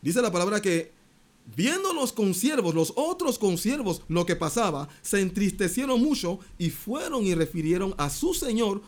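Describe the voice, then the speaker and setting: Animated preacher man with a high voice. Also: normal speed. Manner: animated, expressive preaching, retelling a parable with quoted voices; addresses listener directly with questions. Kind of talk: sermon.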